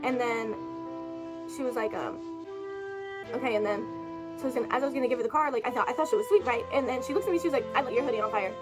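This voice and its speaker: A woman's voice: a little high, very fast, long pauses, loud music behind the voice. A young woman venting in a confessional vlog, rambling and profane, full of fillers and apologies. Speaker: vlogger telling her side of a breakup.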